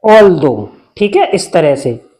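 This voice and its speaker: Very slow man teaching reading. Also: on the high side, sing-song, dark tone. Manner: reads each word separately and asks the learner how to pronounce it. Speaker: English teacher. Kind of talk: slow word-by-word reading lesson.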